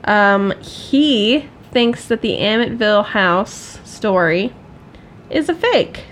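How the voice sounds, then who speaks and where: A woman's voice: medium pitch, lively intonation, drawn-out words, fairly bright tone, a little hiss or hum. A woman co-hosting a podcast, chatting casually, laughing often and poking fun at herself. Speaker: podcast co-host.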